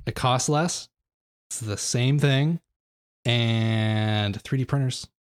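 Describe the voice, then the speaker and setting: A man's voice: mid-range voice, slow pace, clean tone. A man hosting a podcast in casual chat, laid-back and self-mocking. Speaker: podcast host.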